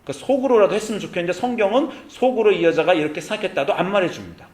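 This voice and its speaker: A man preaching as pastor, animated, at times acting out soft, pleading prayers. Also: high-pitched, rapid-fire. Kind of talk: sermon. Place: church sanctuary. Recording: echoey church sanctuary.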